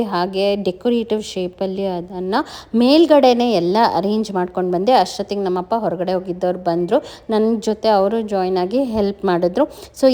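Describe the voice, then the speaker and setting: A woman's voice: mid-range voice, mellow. A woman narrating a family vlog in a chatty voice-over, mixing English words into her telling. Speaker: vlogger and mother.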